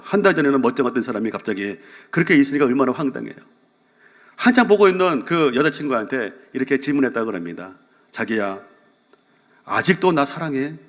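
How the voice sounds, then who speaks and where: Animated Korean pastor in reverberant church. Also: male voice, medium pitch. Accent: Gyeongsang Korean. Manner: animated storytelling, rhetorical questions to the congregation. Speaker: senior pastor. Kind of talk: sermon. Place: church sanctuary.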